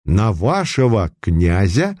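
A man voicing an unflappable police detective, calm and sarcastic, speaking in a measured way, in a dry recording. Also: fairly low pitch, dry recording, lightly acted.

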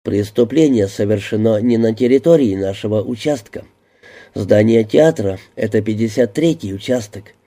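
A man's voice: fairly low pitch, moderate pace, mellow. A man reading an audiobook voices a harried, exasperated police lieutenant who answers his superior defensively and barks orders at his squad.

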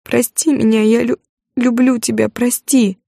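A woman reading an audiobook, voicing a jealous, hysterical young wife in a raised, shrill voice. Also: fairly even intonation, moderate pace, gravelly, darkish tone, no room sound, clean studio sound. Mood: pleading.

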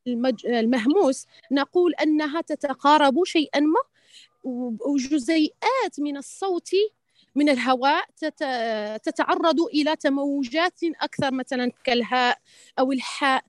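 A woman's voice: sits high, moderate pace, dry recording. A woman teaching Quran recitation in an online lesson, speaking hesitantly with many restarts and pious interjections. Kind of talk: online tajweed lesson answering questions.

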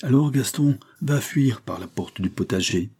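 A man voicing a calm, composed young nobleman who speaks with measured authority. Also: mid-range voice, husky, voice pushed up. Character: calm, level-headed young male nobleman.

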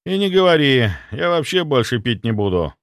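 A man's voice: mid-range voice, sing-song, normal speed, dry recording, clean studio sound, voice pushed up. A man voicing a hungover young male student who whines and complains. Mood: weary.

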